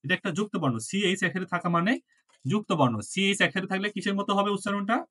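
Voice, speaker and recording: A man's voice: high-pitched, racing, a bit bright, husky. A man whose first language is Bengali teaches a German class, patiently repeating words and drilling pronunciation while mixing in English. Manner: mixes English words into his talk. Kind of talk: classroom lesson.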